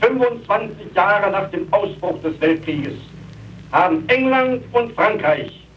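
A military officer giving a formal, stern statement, heard on an old archival recording. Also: male voice, sits high, animated, unhurried. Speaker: military officer reading terms. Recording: distant, muffled old recording with hiss.

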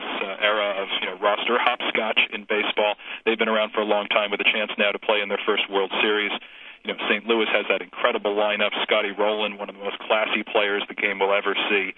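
A man in his thirties calls in to a radio show while crouched under a desk in a stadium press box. He talks in an eager, chatty way and slips in jokes. His fairly low voice comes through a thin, phone-like line. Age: 30s. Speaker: guest sports writer. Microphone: telephone. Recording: narrow tinny phone line.

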